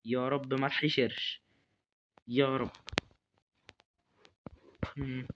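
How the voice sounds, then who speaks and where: A man's voice: medium pitch, flat delivery, slow pace, lo-fi sound, background noise. A young man with an Egyptian Arabic accent commentating a horror game, nervously muttering prayers and taunting the game. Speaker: gaming YouTuber.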